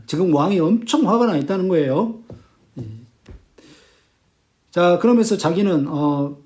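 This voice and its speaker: A man teaching literature, retelling a play's plot in animated storytelling and acting out the quotes. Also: a little high.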